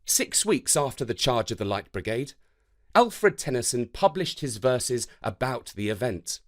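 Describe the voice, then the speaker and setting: A storyteller with a medium-pitched male voice narrates scripted history and verse for children. His delivery is measured, expressive, and dramatic.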